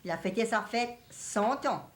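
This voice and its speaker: A woman's voice: on the high side, a little slow. An older woman from Louisiana with a Cajun French accent, chatting casually and repeating points for emphasis. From Louisiana, USA. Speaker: interviewee in family group. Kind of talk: casual oral-history conversation.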